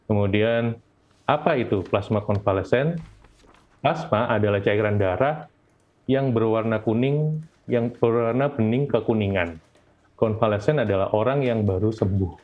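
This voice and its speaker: A man's voice: lowish voice, moderate pace. An Indonesian man presenting informally in a webinar, his voice muffled by a face mask. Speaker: volunteer presenter. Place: at home. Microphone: video call. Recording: dull, lo-fi video call.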